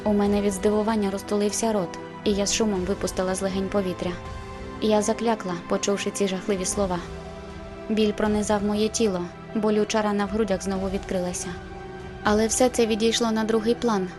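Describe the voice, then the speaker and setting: A woman with a mid-range voice reads a first-person novel aloud. She narrates expressively and voices the heroine's own lines, with faint music playing behind her. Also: medium pitch. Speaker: audiobook narrator.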